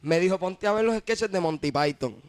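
A man's voice: high voice, lively intonation, normal speed, a little mellow, smooth, no room sound. A man with a Puerto Rican accent in casual chat, opinionated. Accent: Puerto Rican Spanish.

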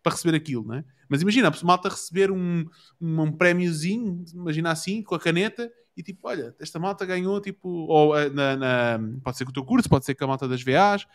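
A man's voice: a little high, quick pace. A man with a European Portuguese accent chatting casually, using plenty of slang and swearing freely. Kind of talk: casual chat.

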